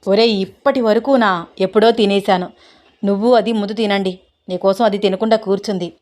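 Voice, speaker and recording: A woman's voice: mid-range voice, steady tone, brisk, a little mellow, lightly acted. A woman voicing a kind, indulgent mother. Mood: fond.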